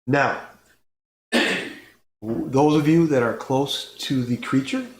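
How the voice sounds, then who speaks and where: Unhurried man narrating as game master. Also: mid-range voice. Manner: slow, unhurried storytelling with fillers. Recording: roomy with faint noise.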